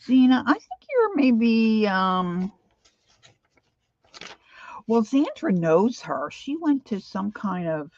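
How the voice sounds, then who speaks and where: A woman's voice: a little high, very animated, takes it slowly, long pauses, darkish tone. A middle-aged American woman chatting casually and ramblingly on a livestream, with slightly lisped speech from missing teeth. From Pennsylvania, United States. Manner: rambling, chatty, addresses viewers by name. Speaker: craft livestream host. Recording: dull, lo-fi sound.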